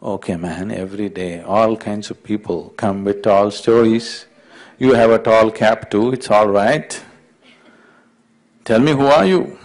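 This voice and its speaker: A man playing a casual, unimpressed gatekeeper saint who dismisses a visitor and calls loudly inside. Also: lowish voice, a little slow. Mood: dismissive.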